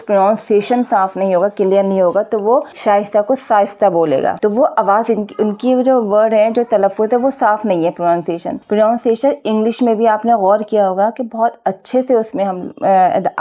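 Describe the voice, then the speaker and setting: A woman's voice: mid-range voice, mellow, muffled recording. A woman teaching a beginner Urdu lesson, patiently sounding out each letter and vowel mark and often checking in with the listener. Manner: patient, repeats each syllable slowly and clearly; often checks in with "theek hai".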